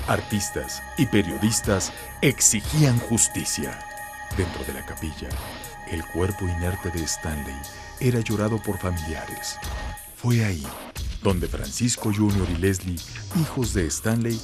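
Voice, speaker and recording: Low-voiced male documentary narrator. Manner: formal, even delivery. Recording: narration over music.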